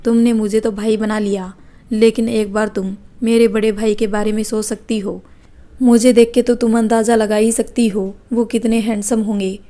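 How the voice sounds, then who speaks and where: A playful young man full of teasing banter, voiced by a woman narrator. His lines come out mellow and fairly level, a little high, never straining. The jokes keep rolling in a light storybook telling. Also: little pitch movement, moderate pace, lightly acted. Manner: cheeky, joking banter.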